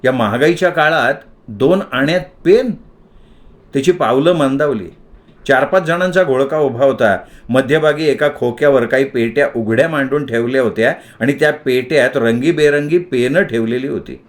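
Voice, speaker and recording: A man narrating a story aloud in an expressive, dramatic storytelling manner. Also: mid-range voice, moderate pace.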